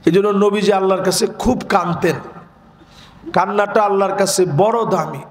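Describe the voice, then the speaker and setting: A man preaching a sermon, moving between sung chanting and shouted peaks. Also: high-pitched, steady tone, moderate pace. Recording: echoey open-air PA sound.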